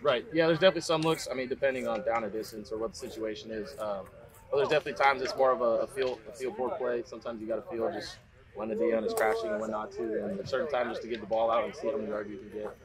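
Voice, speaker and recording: A man's voice: fairly low pitch, fairly even intonation, racing, crowd noise. A young man answering post-practice interview questions as a college quarterback, in an earnest way. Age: young adult.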